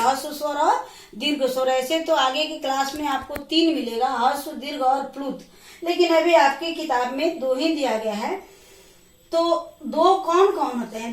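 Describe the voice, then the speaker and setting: Woman teacher, high voice, patient repetitive explaining; echoey room, set back from the mic. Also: far from the mic. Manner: slow, repetitive explaining, counting aloud. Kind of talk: classroom lesson.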